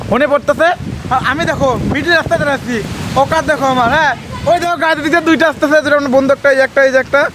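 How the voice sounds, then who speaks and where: A vlogger, talking casually to viewers outdoors on a roadside. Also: high voice. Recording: clear wind noise on camera mic.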